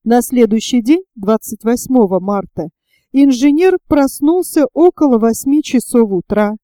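A woman narrating an audiobook in an even, expressive reading. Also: on the high side, a little slow, no echo.

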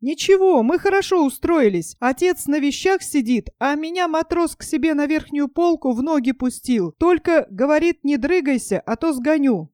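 A woman's voice: high-pitched, expressive, normal speed, hardly any pauses, a little mellow, no room sound, studio quality, voice pushed up. A woman voicing an eager, cheerful young boy calling out from a train. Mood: excited.

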